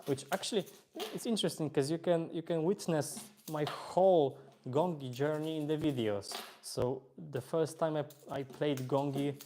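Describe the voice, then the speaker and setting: A man's voice: a little high, moderate pace, slight background noise. A young man from Poland with a Polish accent, casually chatting on a live stream while playing and reading viewer comments aloud. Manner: relaxed, chatty, reads chat aloud, hesitant fillers.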